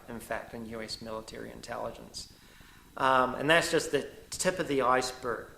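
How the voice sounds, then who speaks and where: A man's voice: mid-range voice, fairly bright tone, echoey room. A middle-aged man with a New Zealand accent giving an emphatic, indignant opinion monologue straight to his viewers, with rambling asides. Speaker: vlogger. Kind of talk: direct-to-camera opinion monologue.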